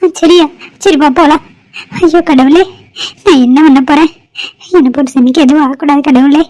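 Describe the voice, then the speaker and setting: A woman's voice: high-pitched, fairly even intonation, normal speed, darkish tone, natural voice. A woman voicing an anxious middle-aged village mother who frets and wails in fear. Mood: worried. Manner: fretful, wailing. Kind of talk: cartoon voice acting.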